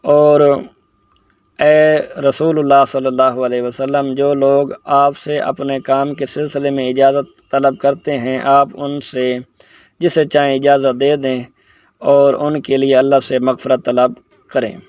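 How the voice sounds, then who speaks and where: A man reading a summary of Quran commentary in a steady, even way, like a presenter. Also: medium pitch, smooth, no room sound, highs cut off. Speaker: Islamic presenter.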